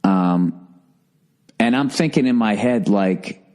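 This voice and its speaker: This solo podcast host, a middle-aged American, vents in a foul-mouthed, fed-up comic monologue. He talks slowly in a lowish, somewhat mellow voice.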